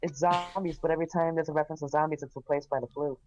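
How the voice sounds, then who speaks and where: A man's voice: a little high, fairly even intonation, very fast, a little mellow, a little hiss or hum. A man co-hosting a casual podcast, talking bluntly and offhandedly. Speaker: podcast co-host. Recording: dull lo-fi audio.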